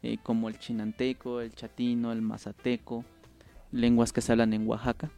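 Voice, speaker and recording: A man's voice: medium pitch, completely flat delivery, normal speed, creaky, mellow, soft background music. A man, a linguist whose first language is Mazahua, patiently explaining ideas on a radio program and checking in with the listener as he goes. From State of Mexico. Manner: patient, explains with examples, frequent "¿no?" tags. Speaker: linguist guest.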